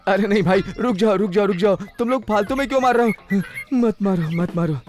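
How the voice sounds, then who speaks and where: A man's voice: high voice, brisk, a little mellow, natural voice. A man playing a frightened pleading captive. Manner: pleading, protesting.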